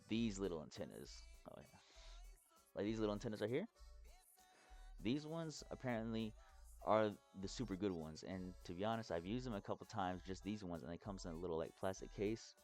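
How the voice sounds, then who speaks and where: Rambling drunk man with a lowish voice. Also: darkish tone. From Texas. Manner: tipsy, rambling drunk talk with halting phrases and heavy swearing. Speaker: hobbyist presenter. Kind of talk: casual rambling explainer vlog.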